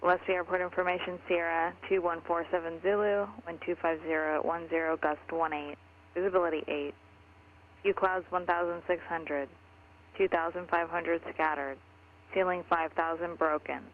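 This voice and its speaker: A man reading a recorded airport weather broadcast in a flat monotone, heard over an aircraft radio. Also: a little high, moderate pace. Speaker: automated airport information broadcast. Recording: tinny radio with faint noise.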